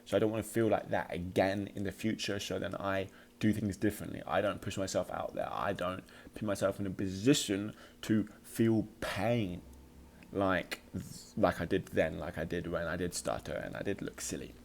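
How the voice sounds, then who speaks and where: A podcast host with a low, creaky voice gives an informal motivational talk, with slight background noise. He has a slight occasional stutter, repeats words, and speaks haltingly. He presses firmly on his key points.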